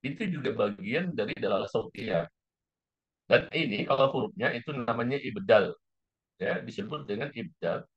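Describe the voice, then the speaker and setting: A man's voice: mid-range voice, lively intonation, normal speed, husky. A man teaching a class, explaining step by step and often repeating key phrases. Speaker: lecturer. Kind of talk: classroom lecture. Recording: slightly dull lo-fi recording.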